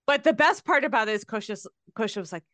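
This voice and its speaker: A woman co-hosting a podcast, talking in a relaxed, thoughtful way. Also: fairly high pitch, quick pace, no echo. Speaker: podcast co-host. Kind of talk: casual podcast chat.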